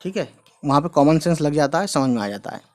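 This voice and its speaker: A man's voice: fairly high pitch, expressive, fast. A man teaching how to write Urdu letters in a casual lesson, explaining step by step and repeating each sound, with fillers and English phrases mixed in.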